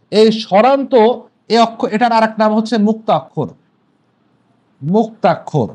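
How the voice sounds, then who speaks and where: A man's voice: high voice, darkish tone. A young male teacher, lecturing step by step on poetry meter and repeating key points for students.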